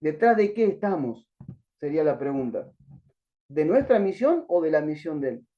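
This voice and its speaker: A man's voice: fairly high pitch, very animated, normal speed, lo-fi sound. A man teaching a Bible class at a missionary school, asking rhetorical questions and restarting sentences as he searches for words.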